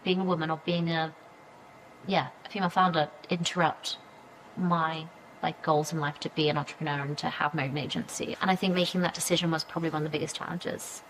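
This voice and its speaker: A woman's voice: deep voice, fairly even intonation, fast, a bit bright, slight background noise, low-quality recording. A woman in her thirties, a PR agency founder, talking as a podcast guest in a loose, chatty way, full of fillers and acted-out quotes of her own reactions. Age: 30s. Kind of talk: casual interview conversation.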